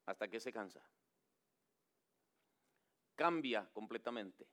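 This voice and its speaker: A pastor preaching a sermon, swinging between raised pleading and hushed, low endings. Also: male voice, lively intonation, slow. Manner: preaching with dramatic drops to a low hush; acts out pleading quotes in a raised voice.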